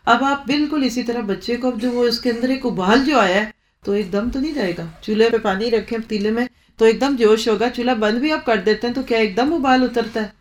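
Woman, parenting talk, homely examples, mixes in English phrases. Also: mid-range voice. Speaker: parenting speaker.

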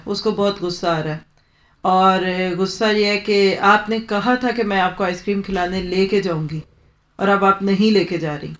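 A woman giving a parenting talk, explaining with homely examples and mixing in English phrases. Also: medium pitch. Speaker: parenting speaker.

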